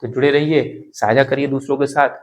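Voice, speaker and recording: A man teaching English through Hindi, patient and methodical. He says the example sentences again and again, slowing down on each word. His voice sits at an ordinary middle pitch. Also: fairly even intonation, rough recording. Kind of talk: spoken English lesson in Hindi.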